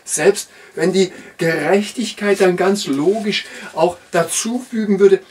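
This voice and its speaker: A man giving a reflective sermon, slow and searching, often pausing to question himself. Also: high voice, darkish tone, recorded from a distance. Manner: slow, searching, with frequent pauses and self-questioning. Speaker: preacher.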